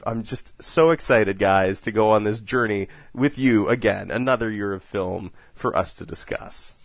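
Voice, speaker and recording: A podcast host chats casually about movies in a lively, animated voice with wide pitch swings, laughing and joking often between points. The recording is dry and close.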